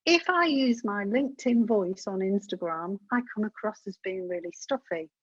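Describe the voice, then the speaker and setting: A woman with a husky, mid-range voice presents a business webinar at a moderate pace, speaking to her audience directly in a chatty, practical manner. The recording is dry and dull, typical of webinar audio, and the talk is instructional.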